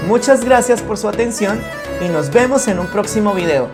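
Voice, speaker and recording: A woman's voice: mid-range voice, lively intonation, music in the background. A woman, teaching in a video lesson and sounding out words syllable by syllable. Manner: slow, careful syllable-by-syllable explanation. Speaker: Spanish teacher.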